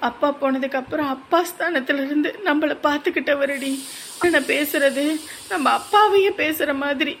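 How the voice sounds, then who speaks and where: A woman's voice: high-pitched, moderate pace, fairly bright tone, a little hiss or hum. A woman, arguing reproachfully in a family drama. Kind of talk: rural family drama acting.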